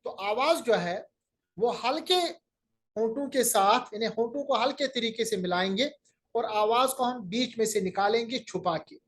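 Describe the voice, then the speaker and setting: A woman teaching the rules of Quran recitation in a recorded lecture. She explains patiently step by step and draws out each example word slowly and clearly. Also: a little high. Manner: patient, plain teaching tone with pauses and fillers.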